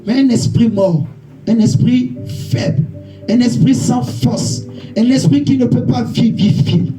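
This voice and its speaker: A man's voice: very high voice, unhurried, dark tone. A man preaching a sermon as an evangelist, repeating his points and checking with the congregation through questions. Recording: echoey church hall, faint music.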